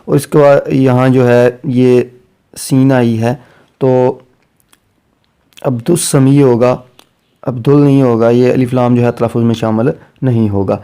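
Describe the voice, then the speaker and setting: A man teaching a grammar lesson, slowly going over letters one by one and repeating himself as he explains. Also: mid-range voice, little pitch movement, warm tone, clean tone. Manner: slow and repetitive, spelling out letters one by one.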